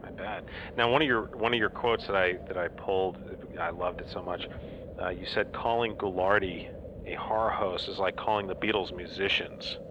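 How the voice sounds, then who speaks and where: A man's voice: low voice, steady tone, normal speed. A man interviewing a guest in a casual, conversational way. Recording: dull, noisy audio.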